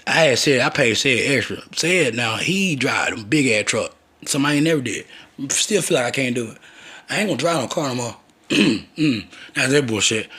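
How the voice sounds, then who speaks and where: A man's voice: medium pitch, pushed and bright, slightly rough. A man telling long, rambling personal stories in a loose, profane, digressive way, often acting out the voices of the people in them. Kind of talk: rambling personal storytelling monologue.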